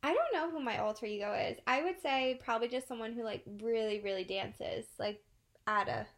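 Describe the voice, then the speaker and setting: A woman's voice: a little high, a little fast. A young woman co-hosting a casual chat at home, playful and full of questions, laughing easily. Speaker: co-host. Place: at home, indoors.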